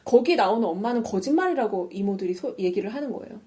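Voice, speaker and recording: A woman's voice: medium pitch, expressive, fast talker, mellow. A woman podcast host in a casual chat, animatedly retelling a TV drama and acting out its lines.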